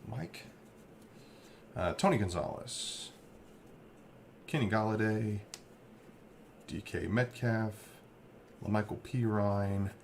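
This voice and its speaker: A man hosting a card break, casually rambling as he reads off player names. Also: fairly low pitch. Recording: faint background noise.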